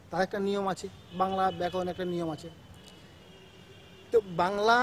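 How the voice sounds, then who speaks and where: A man's voice: high-pitched, slight background noise. A male school teacher, teaching a grammar lesson step by step and often checking in with his students. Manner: explains step by step, checks in with "ঠিক আছে?".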